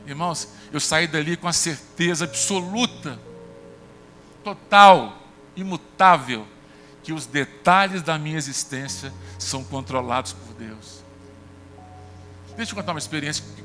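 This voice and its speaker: A Brazilian man preaching a sermon as pastor, telling personal stories and acting out the dialogue with lively shifts of voice. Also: long reverb tail. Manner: conversational storytelling, acts out dialogue with shifts in pitch. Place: church sanctuary.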